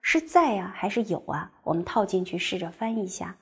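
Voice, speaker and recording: A woman teaching a language class, explaining step by step and reading example sentences slowly and clearly. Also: mid-range voice, sing-song, fairly bright tone, a little hiss or hum. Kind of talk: recorded classroom lecture.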